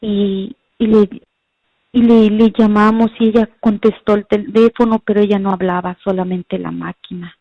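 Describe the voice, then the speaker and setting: A woman's voice: medium pitch, flat delivery, normal speed, dry recording. A middle-aged woman giving an earnest, prayerful religious testimony and often calling her listeners brothers and sisters. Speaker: mother giving a faith testimony. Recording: dull lo-fi recording.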